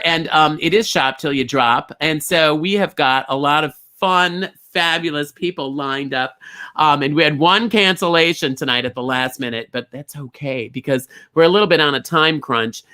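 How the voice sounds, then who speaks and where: Campy american guy doing drag bingo hostess, highish bright voice, gushy and chatty. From Minnesota, United States. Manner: theatrical, gushing, drawn-out greetings. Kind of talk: campy, chatty show hosting.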